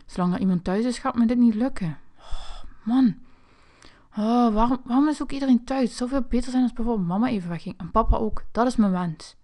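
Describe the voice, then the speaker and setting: A woman voicing a curious, mischievous young boy in a toy figure play video, excitable and whining. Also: fairly high pitch, a little fast, lightly acted.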